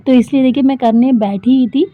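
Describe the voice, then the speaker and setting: A woman's voice: high voice, brisk. A woman in her thirties, a vlogger and homemaker, talking in a chatty, rambling way full of fillers as casual vlog voice-over. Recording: dry, thin phone-like sound.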